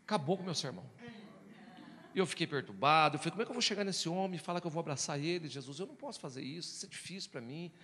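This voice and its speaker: A man preaching a storytelling sermon, animated, swinging between loud exclamations and hushed quiet. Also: fairly high pitch, rapid-fire, big-room sound. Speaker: pastor.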